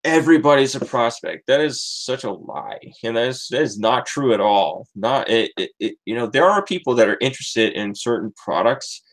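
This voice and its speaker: A man's voice: medium pitch, lively intonation, moderate pace, few pauses, rough recording. An American man telling his own story in a casual testimonial, rambling and filling his talk with "like" and "you know". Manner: rambling, heavy use of fillers like "like" and "you know". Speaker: network marketing member sharing his story.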